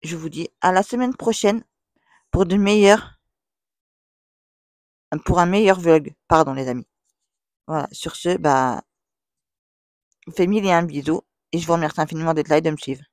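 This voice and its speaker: A woman's voice: lowish voice, normal speed, long pauses, a little mellow, dry recording. Middle-aged woman vlogger, outspoken and rambling, close dry mic. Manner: blunt, chatty, repeats "voilà" often. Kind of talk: casual vlog monologue to subscribers. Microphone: plugged-in microphone that makes her sound loud.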